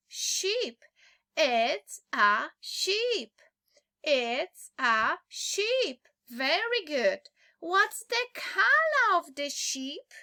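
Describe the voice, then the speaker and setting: A woman's voice: very high voice, pushed and bright. A woman with a Polish accent teaching English to small children, as if reading to a toddler, in an exaggerated sing-song manner with much repetition. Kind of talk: simple language lesson for small children.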